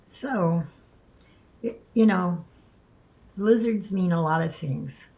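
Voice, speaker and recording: A woman vlogging casually, speaking haltingly and stumbling over words, with the lisping, slurred sound of missing front teeth. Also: on the low side, darkish tone. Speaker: video creator. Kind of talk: casual spoken vlog, partly reading aloud.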